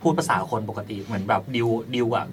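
A man co-hosting a casual podcast chat, telling a story with animated quoted voices. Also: on the low side, fairly quick, far from the mic. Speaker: podcast co-host.

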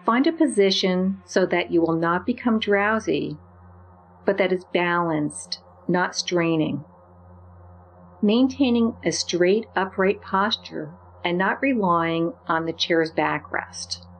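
A woman leading a guided meditation with slow, soothing, gentle instructions. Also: fairly low pitch, a little hiss or hum, poor audio.

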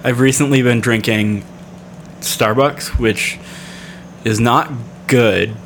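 A man's voice: medium pitch, slow, a bit bright, a little hiss or hum. A man, a guest in a casual podcast chat, laid-back and dryly self-deprecating.

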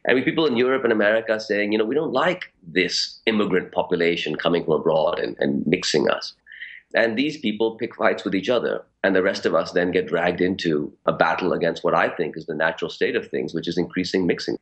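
A man in his forties from Pakistan, an author speaking in a radio interview in a measured, thoughtful way. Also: low-pitched. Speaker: author guest.

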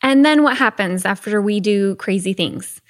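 A woman's voice: medium pitch, animated, normal speed. A woman hosting a teen coaching podcast, recording from under a blanket in an empty home office. She talks in a chatty way and keeps checking in with "okay?". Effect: recorded under a blanket, muffled. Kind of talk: casual solo podcast talk.

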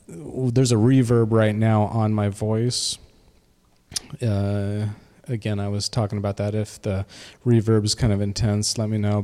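A man giving a casual, halting demo of his music software, with a reverb effect on his voice. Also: fairly low pitch. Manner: halting, many fillers. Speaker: music producer.

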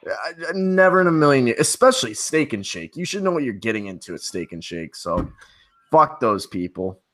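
A man's voice: mid-range voice, very animated, fairly quick, fairly bright tone. A man co-hosting a casual podcast, blunt and emphatic, swearing freely. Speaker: podcast co-host.

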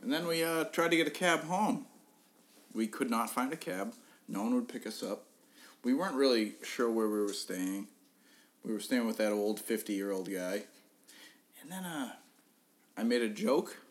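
A man's voice: mid-range voice, lively intonation, moderate pace, long pauses. A young man on a podcast telling a funny story in a casual way, swearing often, laughing at his own story and often restarting his sentences. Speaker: podcast co-host.

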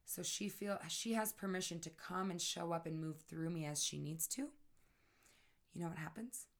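A woman with a notably low, deep voice talks through her own grief in a reflective personal monologue. She speaks softly and earnestly, often sinking to a hushed near-whisper, and keeps checking in with the listener. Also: moderate pace.

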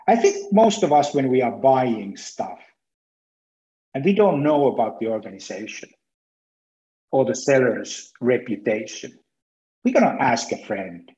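Guy doing a webinar, mellow dark voice, kinda echoey and muffled. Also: lowish voice. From Finland. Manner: halting, many restarts and fillers. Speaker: marketing consultant presenter. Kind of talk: webinar presentation. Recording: echoey room, dull lo-fi sound.

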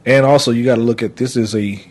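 A man co-hosting a casual podcast, making his points patiently between steady agreement. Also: mid-range voice, quick pace, breathy edge. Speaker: podcast co-host.

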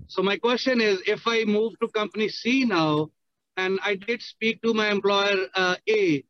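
Caller, male, high voice, on a dull, dry car speakerphone, explaining in careful detail. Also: fairly bright tone, no echo. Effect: car speakerphone while driving. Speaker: caller asking a question. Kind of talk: casual question on a call.

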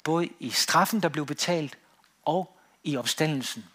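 Earnest preacher with a slightly high voice. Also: male voice. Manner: emphatic, rising on key words then dropping to quiet. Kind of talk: sermon. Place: church.

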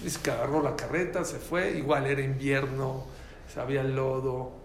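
A man's voice: medium pitch, normal speed, roomy sound, a little hiss or hum. A man with a Mexican Spanish accent teaching a religious class, telling stories and quizzing his listeners. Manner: animated, quizzes the audience.

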